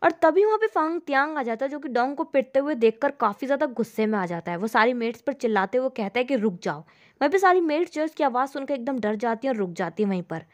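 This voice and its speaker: Fairly high-voiced woman retelling a drama. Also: fast talker, few pauses. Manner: steady retelling, leans on the filler "जो है". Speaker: drama recap narrator. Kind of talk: storytelling narration of a drama plot.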